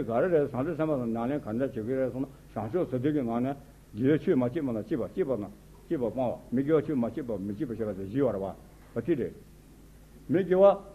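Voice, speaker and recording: A man's voice: medium pitch, husky. A man, a Buddhist teacher, giving an informal spoken commentary on a religious text in short, conversational phrases. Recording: tinny phone-like sound with faint noise.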